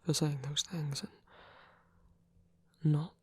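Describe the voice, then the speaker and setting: In an intimate ASMR roleplay, a performer voices a tender, devoted male vampire priest, murmuring in a breathy, whispery, hesitant way with formal wording and an earnest mood. The medium-pitched delivery is flat and slow, captured on a close, dry mic with no echo. It's a scripted romantic audio drama.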